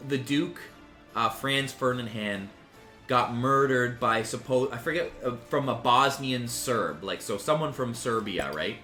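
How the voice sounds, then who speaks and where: A man's voice: medium pitch, animated, a little slow, sharp tone. A man giving casual, rambling commentary on a game, swearing freely and restarting his sentences. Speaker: gaming commentator. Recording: roomy sound with faint music.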